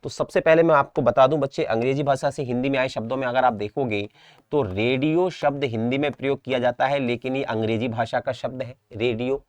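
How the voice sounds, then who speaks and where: A man's voice: medium pitch, fairly even intonation, a little fast, no room sound. Young guy w rajasthani hindi accent teaching exam prep, repeats every word, asks if u get it, mid voice. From India. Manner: repetitive, drills each word, checks understanding. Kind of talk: exam-prep classroom lesson.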